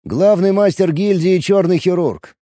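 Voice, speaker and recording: A man doing a calm, bold guild master. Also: sits high, a little slow, no echo, studio quality, voice pushed up. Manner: calm, self-assured.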